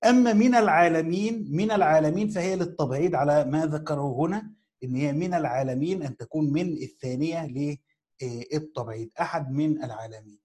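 A man's voice: a little high, darkish tone. A man with an Egyptian accent teaching a class, reading a commentary phrase by phrase, repeating key words and asking rhetorical questions. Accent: Egyptian Arabic. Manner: reads phrases slowly, repeats them for emphasis; asks rhetorical questions of his students. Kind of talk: classroom lesson reading and explaining a text.

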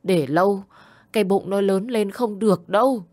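A woman's voice: medium pitch, moderate pace, dry recording, voice pushed up, natural voice. A woman voicing an anguished old grandmother who scolds and laments, raising her voice. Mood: scolding. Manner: scolding, lamenting, loud and pleading.

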